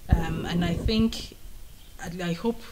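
A woman's voice: fairly low pitch, slow pace, heavy background noise. A woman in her thirties with a Ghanaian accent, answering interview questions in a thoughtful, explanatory way. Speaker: writer being interviewed. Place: indoors on a sofa by shelves of mugs.

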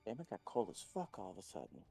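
A man's voice: low voice, wildly swooping pitch, quick pace, gravelly, mellow, husky, no echo, soft background music. A young man chatting casually with a friend while gaming, laid-back and swearing now and then.

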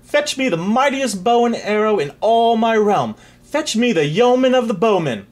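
A storyteller voicing an impatient male king who barks loud commands, with a husky voice. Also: medium pitch, sing-song, normal speed. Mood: commanding.

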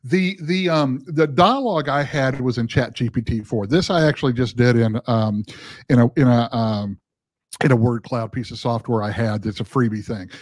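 Guy presenting a webinar, talks fast w/ lots of ums, dry close sound. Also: mid-range voice, no echo. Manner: fast talking, frequent fillers and restarts. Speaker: guest speaker.

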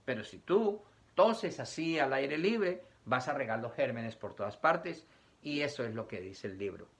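A man's voice: mid-range voice, animated, measured pace. A man teaching young children, reading a picture book aloud, asking them questions and acting out sneezes and coughs.

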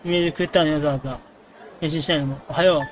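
A man's voice: fairly high pitch, steady tone, a little hiss or hum. A man casually commenting and joking while playing a dating game. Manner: quick, joking reactions to the game. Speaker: let's play host.

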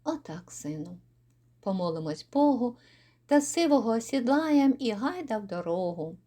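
A woman voicing an old Cossack father who gives slow, instructive, grumbling advice to his son. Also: fairly high pitch, very animated, mellow.

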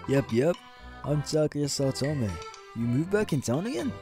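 A woman's voice: low voice, sing-song, normal speed, dark tone. A woman voicing a friendly, easygoing teenage boy in an anime fan dub. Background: music.

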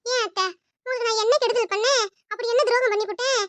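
A woman's voice: very high voice, fairly even intonation, fast, fairly bright tone, no echo. A woman voicing a melodramatic, self-pitying daughter-in-law with a Tirunelveli Tamil accent. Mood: wailing. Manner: melodramatic, wailing.

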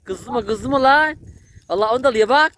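A man, vlogging outdoors in a village and excitedly calling to a dog. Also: very high-pitched, normal speed, slight background noise. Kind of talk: casual vlog commentary.

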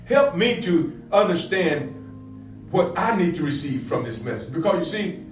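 Middle-aged male pastor, high voice, preaching with repetition, distant and roomy over faint music. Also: big pitch swings, normal speed. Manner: repeats phrases, builds to emphatic peaks. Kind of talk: sermon-style Bible lesson.

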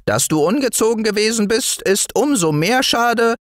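A man voicing a small gray male forest dwarf in a bedtime storybook, with a thin, high voice and a scolding manner. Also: moderate pace, no echo, studio quality. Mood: earnest. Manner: scolding, lively. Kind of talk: storybook reading.

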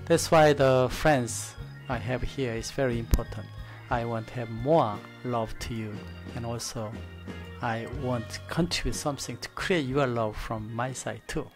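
A middle-aged man with a Korean accent, a native Korean speaker giving an informal, reflective presentation in halting English at a desk microphone. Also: medium pitch, over music. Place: studio desk with a virtual set. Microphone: desk gooseneck microphone.

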